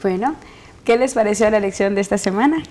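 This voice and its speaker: A woman's voice: medium pitch, brisk, dark tone. Woman, host, Bible study talk show, welcoming, asks questions, studio voice.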